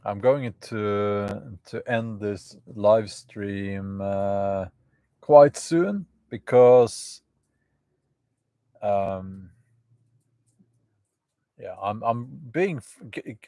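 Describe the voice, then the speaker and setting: Slow, halting man live from the woods. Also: lowish voice, warm tone, no room sound. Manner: halting, many fillers and restarts. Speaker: channel host. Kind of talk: live stream chat to viewers. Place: outdoors in the woods at a campfire.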